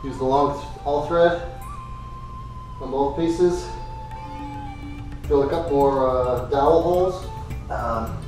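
Guy in his 30s rambling about his workbench, lots of ums, voice far off in a boomy garage, music playing behind. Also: darkish tone, very echoey. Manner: halting, lots of ums and uhs. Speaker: woodworking vlogger. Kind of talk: casual workshop narration. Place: large cluttered home garage workshop. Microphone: far camera.

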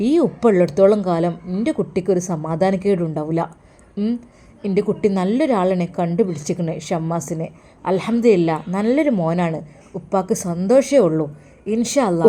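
A woman's voice: mid-range voice, warm tone, close to an everyday voice. A woman voicing a tender older father. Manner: tender, earnest, pleading. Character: loving, emotional older father reassuring his daughter.

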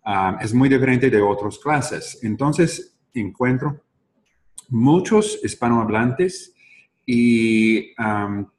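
Slow-speaking man in learner's Spanish. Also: mid-range voice, expressive. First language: English. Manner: careful, unhurried learner's Spanish with many fillers. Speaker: host, founder of the language program. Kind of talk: video call seminar talk. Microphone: webcam on a video call.

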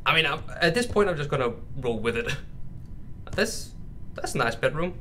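A gaming YouTuber chats to his viewers while playing a horror game, nervous and casual, calling them bros and mate. His voice sits on the high side, lively, bright and forceful at normal speed, and the clear background carries game ambience.

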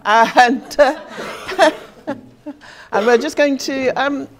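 A woman's voice: sits high, drawn-out words, a little hiss or hum. A woman interviewer making light, chatty asides between topics.

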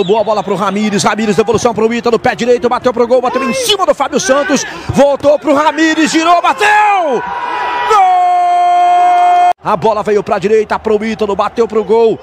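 A man commentating live on a football match, excited and emphatic. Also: sits high. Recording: broadcast with clear stadium crowd noise. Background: stadium crowd.

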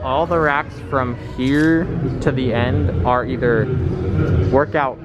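A man's voice: medium pitch, slow, muffled recording, over loud music. A young man chatting easygoingly with lots of fillers, filming a casual vlog on a handheld camera. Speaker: vlogger. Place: large store, then outdoors at night, then a home kitchen. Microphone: handheld camera at arm's length. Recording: background noise.

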